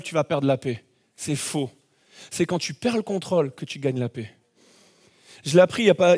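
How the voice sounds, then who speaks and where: A man preaching a sermon as pastor, telling a personal story with lively shouts and playful asides. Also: high-pitched. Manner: animated storytelling, acts out scenes with shouts.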